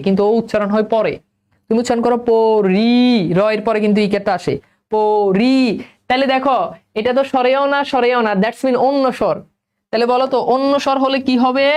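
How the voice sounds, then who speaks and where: A man's voice: extremely high pitch, clear, resonant tone. A young male teacher giving a spelling lesson, repeating questions and prompting students to answer. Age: young adult.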